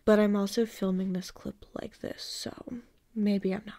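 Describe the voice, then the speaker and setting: A book vlogger gives a casual at-home update after staying awake all night, her voice hoarse and exhausted. She rambles in a tired half-whisper so as not to wake anyone, at normal speed with a mellow, middle-range pitch that barely moves.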